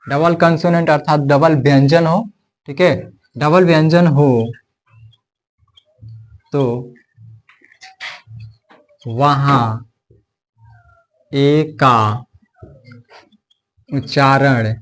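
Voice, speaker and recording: Man, somewhat high voice, unhurried, English phonics teacher, repeats and checks in. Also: fairly even intonation. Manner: slow, repeats sounds and checks with "ठीक है". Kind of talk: blackboard phonics lesson.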